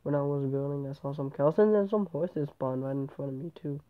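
With a voice on the high side and a fairly quick delivery, this channel host chats casually over gameplay, rambling and fixing his own words, his nose blocked by a cold. A tablet microphone yields a tinny, phone-like recording.

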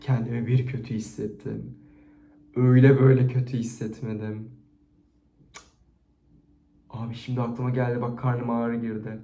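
A man chatting casually to a camera, reading out embarrassing stories and rating them, expressive and chatty. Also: medium pitch, normal speed, pauses often. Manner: chatty and expressive, with frequent laughter. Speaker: YouTuber reading viewers' stories. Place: indoors at home, set-up camera. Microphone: camera on a stand. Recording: echoey room.

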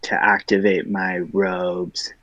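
Slow low-voiced man calling game moves. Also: monotone, sharp tone, muffled recording. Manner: slow, deliberate. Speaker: board game player. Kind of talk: announcing game moves over voice chat.

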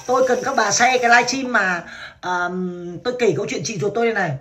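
A woman's voice: medium pitch, fast, a bit bright, slight background noise. A woman from Vietnam in her thirties, chatting brashly and crudely on a casual livestream and laughing often. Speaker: livestream seller.

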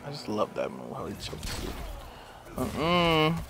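A man's voice: medium pitch, slow pace. A man giving casual commentary on his own fighting game matches, trash-talking with swearing, then fretting nervously when he falls behind. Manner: excitable trash talk with swearing and taunts; nervous self-talk and sighs when losing.

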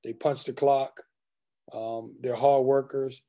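A man in his forties speaks over a video call webcam, his voice mellow and dark-toned. He answers postgame questions in a candid, loose and joking way. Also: mid-range voice, flat delivery, slow pace. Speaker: head basketball coach. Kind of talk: postgame press conference. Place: indoors in front of a team backdrop.

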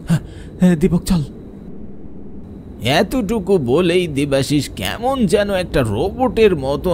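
A man narrating a ghost story in a dramatic way, dropping to a hush at scary moments. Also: fairly high pitch, a little hiss or hum.

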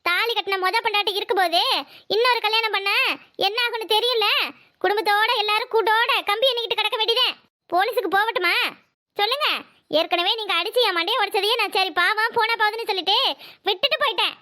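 A woman's voice: very high voice, fast, pushed and bright. A woman voicing a young wife who pleads with her husband and stubbornly defies her in-laws. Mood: pleading. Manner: pleading, insistent.

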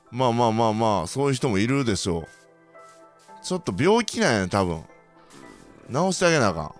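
A young man with a Kansai accent commentating his own game play, bursting into loud reactions and then muttering quietly. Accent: Kansai Japanese. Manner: excitable, reacts loudly to surprises, then mutters low. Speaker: gaming channel host.

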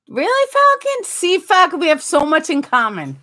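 A woman in her 40s hosts a casual livestream from a small room with curtains behind her, captured on a desktop webcam. Her voice is extremely high and sharp, with huge pitch swings at normal speed, as she chats, laughs often, and reads viewer comments aloud self-mockingly.

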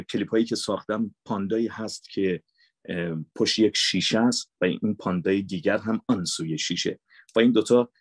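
In a lowish voice on a dry recording, a man from Mashhad, Iran, with a Mashhadi Persian accent answers interview questions. A voice actor and dubber, he speaks earnestly and emphatically, using repetition for stress.

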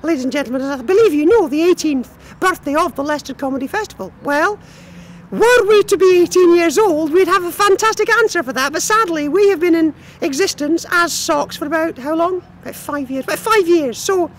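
Goofy Scottish sock puppet, extremely high-pitched, squeaky falsetto, excitable, bantering, puppet-show comedy. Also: male voice, a little fast, slight background noise. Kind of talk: improvised puppet comedy sketch.

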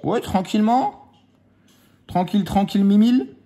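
Here the vlogger sounds high-pitched and mellow. Scratching lottery tickets at home with his kids close by, he jokes with them and counts the numbers out slowly and teasingly.

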